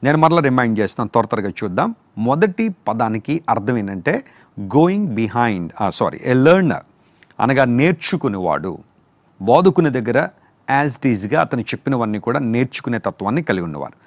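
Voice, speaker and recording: A man preaches a sermon, drawing out and repeating each term as he teaches. His voice is gravelly and swings widely in pitch. The sound is close and dry. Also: big pitch swings, dry recording. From India. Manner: explains terms slowly, repeating and spelling out each word. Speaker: pastor. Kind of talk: sermon teaching on word meanings.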